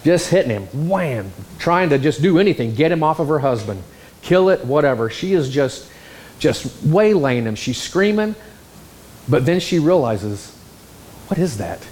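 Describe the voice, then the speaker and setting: A man preaching a sermon, telling a story in an animated, exclamatory way. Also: fairly high pitch, measured pace. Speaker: pastor.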